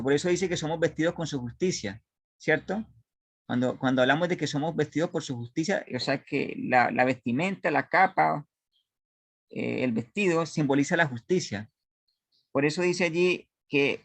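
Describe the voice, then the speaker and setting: Man, Bible study teacher with a fairly high voice, dry close sound, reads scripture and quizzes the class with halting restarts. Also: fairly bright tone, no echo.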